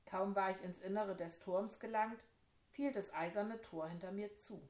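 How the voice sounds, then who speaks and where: A woman reading a children's story aloud, speaking clearly and addressing young listeners. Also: medium pitch, steady tone, normal speed, darkish tone, roomy sound. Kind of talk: scripted narration for children.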